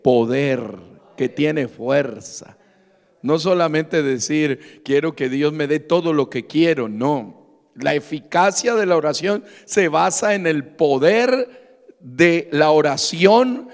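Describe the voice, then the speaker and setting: Male pastor, sermon, high voice, slow deliberate delivery, asks the congregation and answers himself, church with long reverb.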